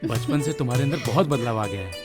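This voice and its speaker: A man voicing a level-headed village drummer who talks calmly and teases in a dubbed film. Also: medium pitch, quick pace, music in the background, natural voice.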